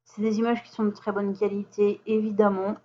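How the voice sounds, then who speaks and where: Woman, mid-pitch, chatty tutorial host, slightly dull recording with faint hiss. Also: little pitch movement, brisk. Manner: chatty, many fillers and restarts. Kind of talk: screen-share software walkthrough.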